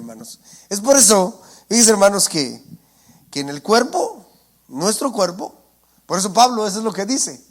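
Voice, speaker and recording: A male preacher, giving a sermon and often asking his congregation "¿entiende?". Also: a little high. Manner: asks the congregation for assent, calls them brothers. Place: church.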